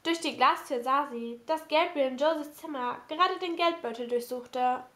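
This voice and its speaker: Amateur audiobook narrator, woman, high voice, measured. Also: bright, forceful tone. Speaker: audiobook reader. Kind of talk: amateur novel reading.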